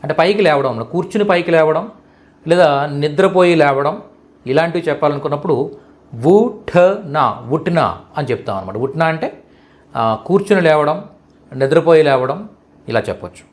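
A man teaching Hindi vocabulary, slowly repeating each word and checking that the listener understands. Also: a little high, animated. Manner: slow, repetitive, checks understanding with questions. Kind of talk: vocabulary lesson explained in Telugu.

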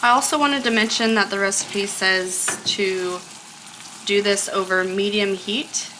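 A woman's voice: medium pitch, steady tone, measured pace, noisy background. A woman explaining a recipe step by step in a casual, chatty cooking video, recorded in a home kitchen, laughing now and then. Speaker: cooking vlogger.

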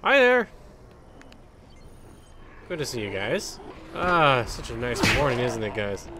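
A man narrating a video game as he plays, reacting loudly, swearing and laughing. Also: mid-range voice, animated, normal speed, very noisy. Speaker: gaming YouTuber. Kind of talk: let's play commentary.

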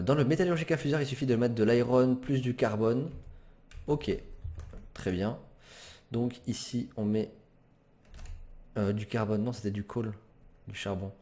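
Warm and mid-range, this man's voice narrates his gameplay in a let's play. His talk wanders with fillers and self-corrections, and he keeps it casual, saying sorry for his swearing.

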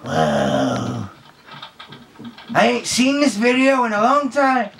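A pet video creator gleefully putting on a silly voice for a pet bird, in excitable, joking chatter. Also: mid-range voice, takes it slowly, creaky. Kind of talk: playful pet-voicing vlog chatter. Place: indoors at home with pet birds. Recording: distant mic with loud background noise.

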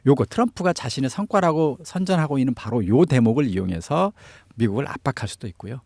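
A man's voice: medium pitch, lively intonation, fast talker, gravelly, darkish tone, no echo. A man giving explanatory analysis as a political commentator in an interview, stressing key phrases. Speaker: news commentator on North Korea affairs.

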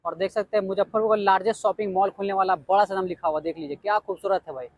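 A man from Bihar, India, does a walkaround vlog at an outdoor building site, speaking rapid-fire in a high voice with fairly even intonation. His eager, hyped delivery keeps circling back to main points with "yes indeed," and there's no room sound.

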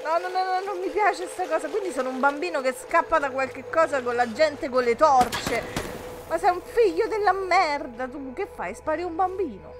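A woman talks over a game on a live stream, her voice sitting high for a woman. She is chatty and easily startled, greeting viewers, and a faint hiss lies under her desk-mic sound. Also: moderate pace. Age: 30s. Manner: chatty and jumpy, laughing often, greeting viewers. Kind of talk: casual live-stream chat while gaming.

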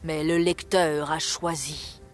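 A woman's voice: deep voice, flat delivery, takes it slowly. A woman voicing a stern, protective elderly male mouse uncle in a storybook game, speaking curtly and scoldingly over game music.

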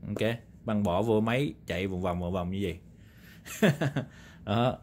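Slightly slow and a little mellow, his fairly low voice comes with a touch of hiss or hum. The Southern Vietnamese-accented host reviews vintage audio gear on a table indoors, talking in a casual, unscripted, rambling way with many confirming tags.

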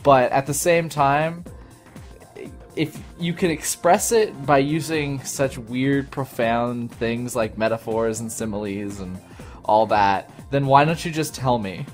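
A man's voice: mid-range voice, takes it slowly. A young man giving casual gameplay commentary, rambling with many restarts and chuckles. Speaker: let's play commentator. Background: faint game music.

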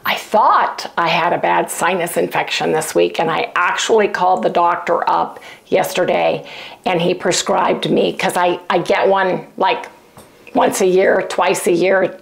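An older woman running a keto cooking channel vlogs casually from her home kitchen, speaking at normal speed in a fairly low, hoarse, gravelly voice. Sick and losing her voice, she coughs and clears her throat often, yet stays chatty, homey, and folksy, addressing viewers as "you guys" into a close lapel mic.

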